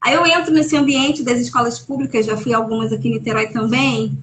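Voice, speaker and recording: A Brazilian Portuguese-accented woman, an educator who runs school workshops, chats casually and emphatically on a live video stream. Her voice sits on the high side with fairly even intonation, brisk and a bit bright, rising encouragingly when she makes a point. The recording is rough, captured through a phone or laptop on the call.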